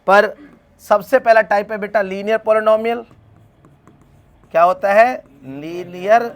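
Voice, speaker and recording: A man teaching a math class, asking his students questions and then answering them himself. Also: high voice. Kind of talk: classroom lecture.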